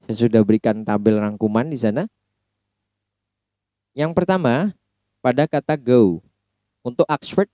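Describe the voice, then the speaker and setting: Indonesian man giving a slow phonology lecture. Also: on the low side, mellow, no echo. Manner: explains step by step, repeating example words slowly. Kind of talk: recorded slide lecture. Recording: dull, slightly lo-fi dry sound.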